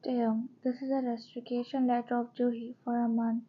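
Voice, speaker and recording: A stern young male professor, calm and unafraid, who answers in flat, firm lines, as a woman reads him. The voice stays high for a man. The storybook audio sounds dull and lo-fi. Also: moderate pace, natural voice. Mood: cold.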